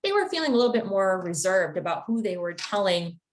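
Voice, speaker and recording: A woman's voice: mid-range voice, sing-song, a little fast. A woman from the Chicago area, a therapist, giving an informative webinar talk in a conversational, explanatory way. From Chicago area, United States. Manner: conversational and explanatory, with occasional fillers. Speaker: therapist presenting a wellness webinar.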